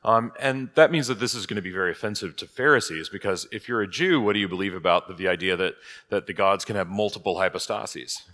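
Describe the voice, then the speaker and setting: A pastor leading a prayer and then teaching a catechism class in a conversational way, thinking aloud, heard with a cathedral-like echo. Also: male voice, lowish voice, fast talker, pushed and bright. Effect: cathedral-like echo, long hall reverb. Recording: long reverb in a large hall.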